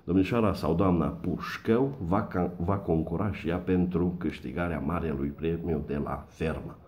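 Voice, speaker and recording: A man with a very deep voice runs through a satirical monologue. He mocks his targets with dry sarcasm and wordplay. He talks to camera like a regular online commentator. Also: darkish tone. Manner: mocking, sarcastic, punning.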